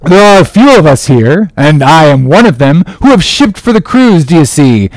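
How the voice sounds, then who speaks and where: A man's voice: fairly high pitch, very animated, moderate pace, darkish tone, pitched above the performer's own voice, poor audio. A man voicing a defiant, rebellious sailor who leads a mutiny, crying out boldly in a dramatic audiobook reading. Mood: insistent. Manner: jerking out sentences, crying out boldly.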